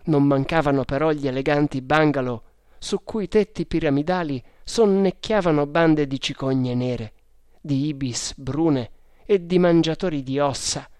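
A man reading an adventure story aloud in a measured, dramatic way. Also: a little high, dry recording, studio quality. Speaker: narrator. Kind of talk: audiobook narration.

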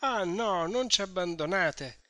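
A man reading the part of an earnest, eager young man in love who pleads and hopes, in a bright, dry voice. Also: sits high, expressive, unhurried, no room sound, pitched above the performer's own voice. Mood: pleading.

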